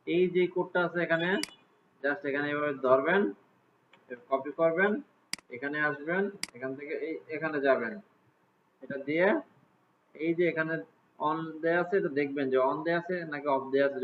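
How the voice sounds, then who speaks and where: Teacher with tinny lo-fi sound. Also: male voice, fairly high pitch, fairly quick, long pauses. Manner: casual, asks students frequent check questions. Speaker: computer class teacher. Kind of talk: live class walkthrough. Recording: tinny phone-like audio with faint hiss.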